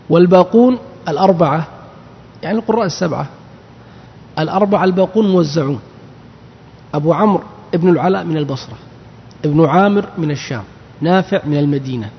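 Raised-pitch male teacher in a big hall. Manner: explains patiently and quizzes the class with questions. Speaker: teacher of Quran exegesis. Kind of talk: religious lesson. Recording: dull recording with long reverb.

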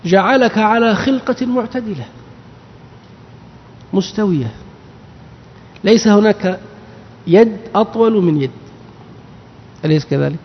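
This man teaches Quranic exegesis in a high, expressive voice, speaking a bit slowly and pausing often. He explains the scripture patiently and tests his listeners with questions, captured on a dull recording full of long reverb.

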